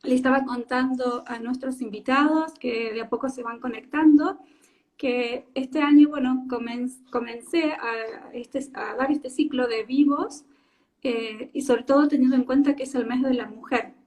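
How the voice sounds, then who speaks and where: A woman with an Argentine Spanish accent and a slightly high voice hosts a live-stream interview over a video call. She speaks in a friendly way, with frequent filler sounds between phrases. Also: fairly even intonation, moderate pace, darkish tone. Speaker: host, speech therapist.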